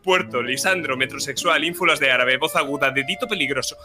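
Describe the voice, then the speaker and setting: A man recapping a role-playing session in quick, clipped, telegraphic phrases, jumping in and out of character voices, over soft guitar music. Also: mid-range voice. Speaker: player recapping the campaign. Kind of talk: rapid comic session recap.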